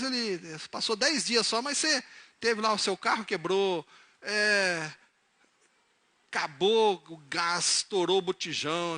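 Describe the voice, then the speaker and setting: Animated pastor, bright high voice. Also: male voice. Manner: swings from loud emphatic exhortation to soft low storytelling, acting out characters. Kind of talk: sermon with illustrative stories. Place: church service, live-streamed.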